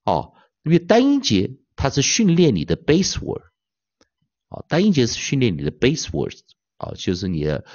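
A male pronunciation teacher giving an online lecture, dotting his speech with drawn-out filler particles and slowly repeating demonstration words. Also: medium pitch, a little mellow, no room sound. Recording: dull lo-fi dry sound.

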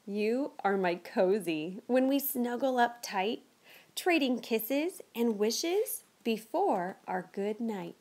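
A woman in her thirties hosts a children's read-aloud, presenting and reading picture books to young kids. Her voice is a little high and slow, with animated, exaggerated expression meant for children.

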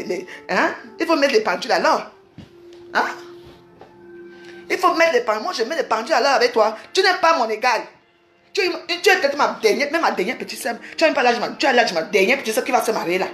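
A woman's voice: a little high, a bit bright. A woman from Cameroon, ranting angrily on a home live stream, scolding and repeating herself. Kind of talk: angry live-stream rant. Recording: roomy echo.

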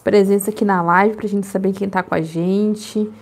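A woman hosting a casual live stream from home, chatty and quick to laugh. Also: mid-range voice, steady tone, a little hiss or hum.

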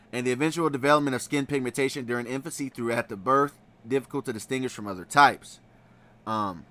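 A man's voice: mid-range voice, pushed and bright. A man reading web search results aloud and commenting on them in a casual way, often adding "right?" after his points. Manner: reads aloud, then comments with frequent "right?". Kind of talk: casual screen-share commentary.

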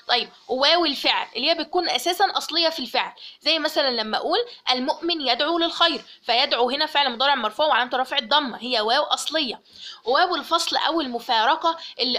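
Quick, bright-voiced Egyptian woman teaching. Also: high voice. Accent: Egyptian Arabic. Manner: explains step by step, asks "okay?" often. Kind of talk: grammar lesson.

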